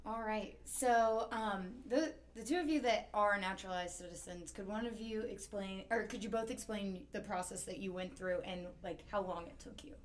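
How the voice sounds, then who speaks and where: A woman's voice: medium pitch, normal speed, few pauses, slight background noise. A young woman hosting a student podcast interview, chatty and full of fillers. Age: young adult.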